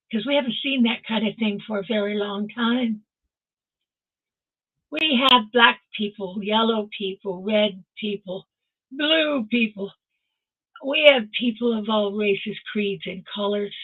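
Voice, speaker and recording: A woman's voice: medium pitch, breathy edge. An older woman hosting a stream and giving an impassioned motivational talk over a video call, urging her listeners on directly. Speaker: host. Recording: tinny phone-like video call audio.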